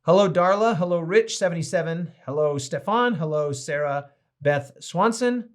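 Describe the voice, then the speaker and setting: A man's voice: fairly high pitch, moderate pace. A man hosting a casual livestream as a pastor, cheerfully greeting viewers by name, a bit tired. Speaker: host and pastor.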